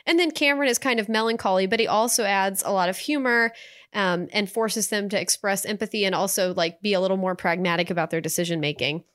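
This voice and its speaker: A woman co-hosting a film review podcast, chatting in an animated way with frequent fillers. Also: medium pitch, fast. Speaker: podcast co-host. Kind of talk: casual film review chat.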